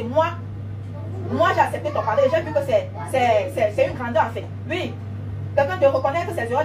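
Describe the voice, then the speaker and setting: A woman, delivering a heated monologue straight at someone, emphatic and taunting, repeating herself. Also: sits high. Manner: emphatic, repetitive, taunting, frequent "hein?". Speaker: online commentator. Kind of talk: heated direct-address monologue.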